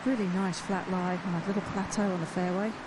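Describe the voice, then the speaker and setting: A woman's voice: on the low side, steady tone, fairly quick. A woman giving live analysis as a golf commentator on the course. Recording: very noisy outdoor broadcast.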